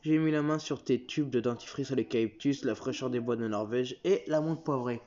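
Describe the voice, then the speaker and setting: A man's voice: mid-range voice, fairly quick, dark tone, lightly acted. A man voicing a bossy, sarcastic middle-aged wife who scolds her husband, on a dull lo-fi recording. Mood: scolding.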